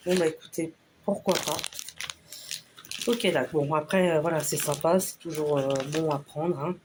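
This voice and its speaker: A woman casually talking through a shopping haul, unhurried and hesitant with lots of fillers. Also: sits low, fairly even intonation, noisy background. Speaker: vlogger showing a store haul. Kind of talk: casual haul video chat.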